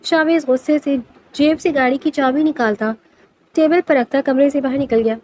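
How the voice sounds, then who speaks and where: A woman narrating a dramatic novel in steady, scripted storytelling. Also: high voice, rough recording.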